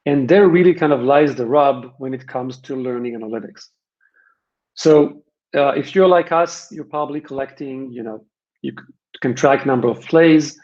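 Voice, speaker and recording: A man's voice: medium pitch, darkish tone. A man with an Israeli accent giving a conversational webinar presentation, explaining his points emphatically and repeating phrases to drive them home. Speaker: webinar presenter from a software vendor. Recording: dull, band-limited webinar audio.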